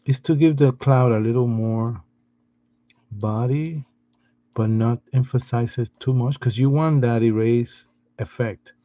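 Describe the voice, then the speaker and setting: Soft-spoken man teaching drawing. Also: medium pitch, unhurried, no room sound, highs cut off. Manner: patient, soft-spoken, with frequent restarts. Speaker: art teacher. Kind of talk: drawing lesson.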